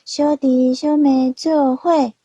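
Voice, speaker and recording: A woman's voice: high-pitched, level tone, takes it slowly, warm tone, no echo, voice pushed up. A woman voicing an outspoken young male leopard cat in a storybook tale, earnest and pleading. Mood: earnest speech. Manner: earnest, pleading, speech-making.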